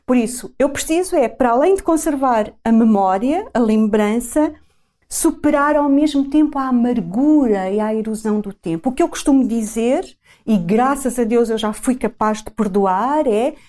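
A female interview guest with a European Portuguese accent and a fairly high, mellow voice. She reflects aloud and explains, stressing points by saying them again. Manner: emphatic, repeats phrases for weight.

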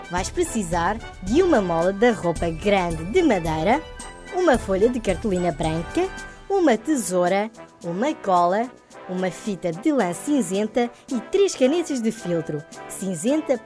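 A woman's voice: medium pitch, darkish tone, close to an everyday voice. A woman voicing a clever, cheerful little boy helper on children's radio, teaching crafts in sing-song European Portuguese.

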